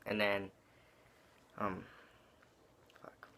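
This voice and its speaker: A man's voice: lowish voice, completely flat delivery, drawn-out words, pushed and bright. A young man talking with chewing tobacco in his mouth, giving a casual, rambling, slangy product review with some swearing.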